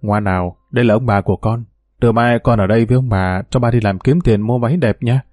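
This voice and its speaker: Young man figure, gentle and soothing, voiced by a man reading aloud; warm dark tone, dry read. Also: medium pitch, fast talker, dry recording, faint music behind, natural voice. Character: young man, kind, easygoing.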